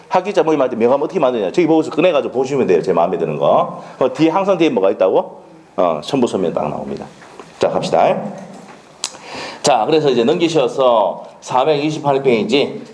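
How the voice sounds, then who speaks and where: Gyeongsang guy teaching a law class, bouncy up and down pitch, keeps asking "right?" and tossing out quick blunt questions. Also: darkish tone. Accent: Gyeongsang Korean. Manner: peppers talk with rhetorical questions and checks; blunt, colloquial banter. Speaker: law lecturer. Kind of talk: classroom lecture.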